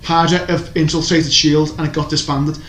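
This podcast co-host has a fairly high, slightly bright voice, a level tone, and normal speed. Chatting casually about TV shows, he rambles, shares firm opinions, and restarts a lot. Faint background noise sits in an echoey room.

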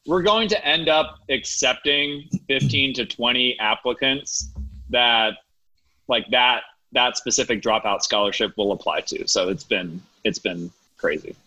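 A man's voice: mid-range voice, a little slow, pushed and bright, rough recording. A man co-hosting a podcast, trading dry jokes with his guest in casual chat. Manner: joking, dry banter. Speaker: podcast co-host.

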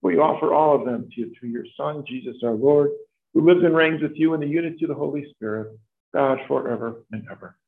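A man as a priest leading Mass prayers in a measured, formal way, with a cathedral echo. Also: fairly high pitch, creaky. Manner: measured, formal liturgical delivery. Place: large church. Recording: echoey church, tinny lo-fi sound.

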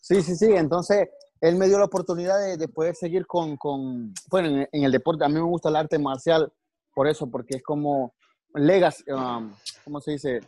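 Speaking Salvadoran Spanish with the accent of his native El Salvador, a martial arts coach earnestly shares his story in an interview. His fairly high, mellow voice holds a steady tone at a moderate pace. The recording is dry, and he frequently restarts sentences and makes religious asides.

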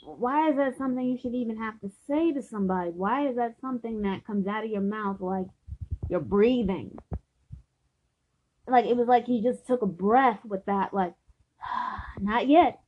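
A woman's voice: fairly high pitch, moderate pace, slightly rough. Woman retelling a personal story, lo-fi. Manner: earnest and emphatic, repeating herself. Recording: dull lo-fi recording.

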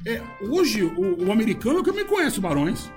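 A man's voice: high-pitched, wildly swooping pitch, normal speed, over music. A man, a DJ, chatting casually on a podcast, loose and laughing, swearing freely as he tells stories. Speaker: DJ guest.

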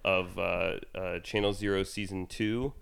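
A man's voice: deep voice, fairly even intonation, a little slow, creaky, a bit bright, clear, resonant tone. A man hosting a podcast in casual chat, rambling and repeating words as he gets going. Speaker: podcast host.

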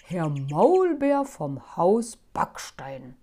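A woman voicing a proud, blustering middle-aged homeowner in a storybook, given to loud exclamations. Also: medium pitch, big pitch swings, unhurried, exaggerated voice.

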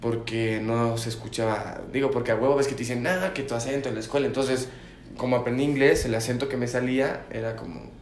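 A man's voice: medium pitch, fairly even intonation, fast. A young man from Mexico with a Mexican accent, chatting casually and dropping slang in nearly every phrase. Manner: slangy, says "güey" constantly. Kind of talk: casual chat. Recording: echoey room, faint ambient noise.

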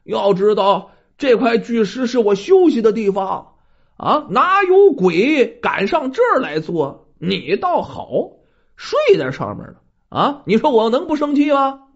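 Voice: medium pitch, lively intonation, slow, darkish tone, highs cut off. A storyteller voicing a fierce, mocking male ghost who laughs and taunts. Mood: taunting.

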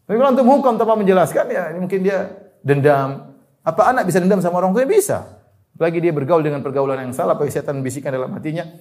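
A man delivers an Islamic sermon in a voice set somewhat high for a man. He presses his main points with raised emphasis, then drops into soft, low asides. Now and then he chuckles at his own homely examples. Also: animated, quick pace. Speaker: preacher.

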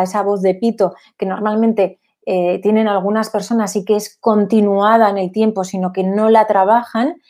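A woman's voice: mid-range voice, dark tone. Spanish-speaking woman teaching voice technique. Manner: didactic, explains with examples and rhetorical questions. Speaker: voice coach. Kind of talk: online lesson on voice and persuasion.

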